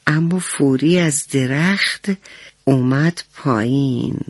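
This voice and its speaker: A woman's voice: a bass voice, no echo. A woman narrating a bedtime story on the radio for children, talking to them directly and affectionately. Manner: warm, addresses children directly.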